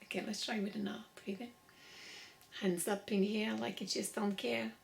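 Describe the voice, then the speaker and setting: A woman's voice: mid-range voice, flat delivery, normal speed, gravelly, low-quality recording. A woman leading a laughter yoga session, playful, laughing often and chanting vowel sounds. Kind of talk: guided exercise session.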